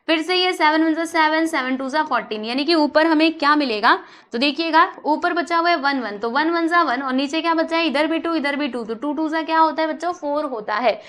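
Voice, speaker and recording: A woman teaching a maths lesson, coaxing the class with questions she answers herself, slowing down to read the English problem text aloud. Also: sits high, pushed and bright.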